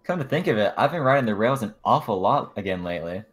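A man's voice: fairly low pitch, animated, fast talker, a bit bright, soft background music, pitched below the performer's own voice. A man voicing a friendly, chatty cartoon game cat, reading the dialogue aloud with amateurish bad acting.

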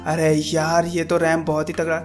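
Excitable high-voiced young gaming man. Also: moderate pace, over music. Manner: excitable, frequent yelps and exclamations. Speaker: gaming YouTuber. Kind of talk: excited gameplay commentary.

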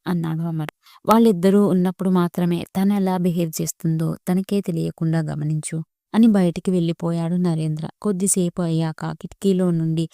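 A woman reading a romantic story aloud as narrator, speaking all the characters' lines in a steady, even reading voice. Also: on the low side, vocal fry, no room sound, clean studio sound.

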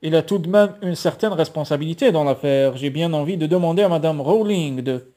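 Un homme qui lit un roman à voix haute et prête sa voix à une mère autoritaire et méprisante. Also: male voice, a little high, fairly quick, mellow, natural voice.

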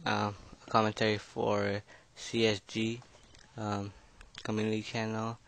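A man's voice: fairly low pitch, monotone, measured pace, a bit bright. A nervous fifteen-year-old boy giving a casual gameplay commentary, mumbling and hesitant, his speech slightly slurred by braces. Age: teenager, fifteen. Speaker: gaming video creator.

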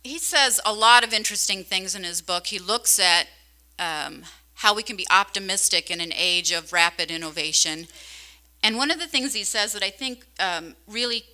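Woman, middle-aged, conference keynote, conversational, crisp smooth tone, handheld mic. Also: mid-range voice, normal speed, pushed and bright. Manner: conversational, asks the audience questions. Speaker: keynote speaker. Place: large conference hall. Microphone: handheld microphone.

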